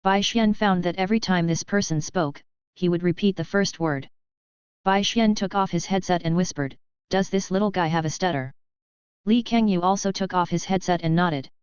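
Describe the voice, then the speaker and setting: A woman narrating an audiobook in a measured, even reading. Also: fairly low pitch, clear, resonant tone, dry recording. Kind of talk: scripted narration. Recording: slightly dull, dry lo-fi recording.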